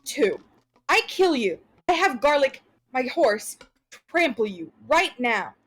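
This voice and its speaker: A woman playing a merciless male rider in a tabletop game, making deliberate, cold, sweary threats. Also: sits high, very animated, a bit bright, full character voice. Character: merciless male horseman threatening a captive mage.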